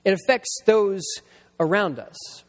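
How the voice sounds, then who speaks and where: A man with a high voice preaches a sermon, weaving in personal stories and slowing down to repeat his key lines for emphasis. His voice rings out with a long reverb tail, as if he is filling a large church hall. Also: lively intonation. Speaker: pastor.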